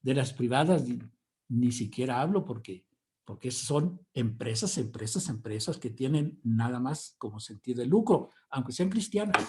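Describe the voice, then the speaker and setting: Mellow-voiced Mexican man lecturing. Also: mid-range voice, expressive, moderate pace. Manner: digressive and emphatic, often repeating words while searching for phrasing. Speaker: university professor giving a keynote lecture. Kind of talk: academic lecture.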